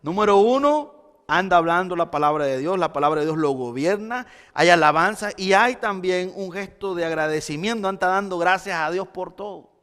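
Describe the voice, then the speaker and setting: A man preaching a Sunday sermon as pastor, swinging between loud emphasis and quiet intensity. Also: high voice, animated, normal speed, smooth. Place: church sanctuary. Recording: long church hall reverb.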